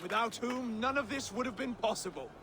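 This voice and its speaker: A man voicing a gentle, earnest Saxon king in a video game, speaking in a measured, formal, oratorical way. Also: very high-pitched, crowd noise, noisy background. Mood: solemn, hopeful.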